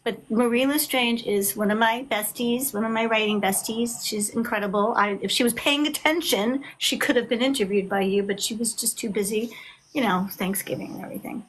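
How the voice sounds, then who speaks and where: A woman in her fifties, an author, chatting loudly and effusively on a live stream. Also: fairly high pitch, brisk, slight background noise. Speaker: author guest. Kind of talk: casual live-stream chat.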